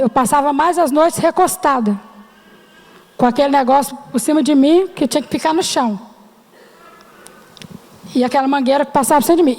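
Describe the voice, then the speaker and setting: A woman's voice: sits high, darkish tone. A middle-aged woman giving an emotional personal testimony to her church congregation, often turning to address them as brothers and sisters. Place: church hall. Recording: long hall reverb.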